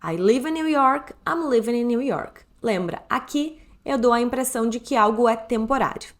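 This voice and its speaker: A Brazilian woman with a fairly high voice gives an online English lesson in Brazilian Portuguese. She explains each point step by step, slowing down to say English phrases clearly so learners can repeat them. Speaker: English teacher.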